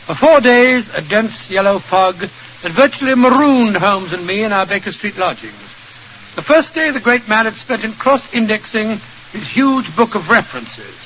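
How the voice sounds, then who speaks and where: High-voiced, avuncular English gentleman doctor. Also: sing-song, moderate pace. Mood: storytelling. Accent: British. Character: Doctor Watson, genial older English gentleman and storyteller. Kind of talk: 1940s radio drama acting and narration. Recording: muffled, noisy 1940s radio recording.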